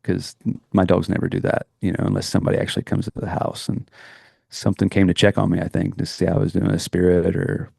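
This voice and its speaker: A man's voice: low-pitched, completely flat delivery, quick pace, gravelly, warm tone, breathy edge, no room sound, studio quality. A middle-aged man co-hosting a podcast, telling a personal story in a rambling, earnest way with many restarts. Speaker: podcast co-host. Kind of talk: casual chat, storytelling.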